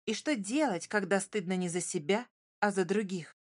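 A woman narrating a children's audiobook in a gentle, expressive storytelling voice. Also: mid-range voice, moderate pace.

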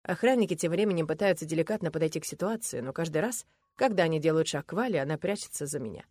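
A woman narrating a story in the first person, lively and voicing the other characters. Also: sits low, fast. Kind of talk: audiobook narration.

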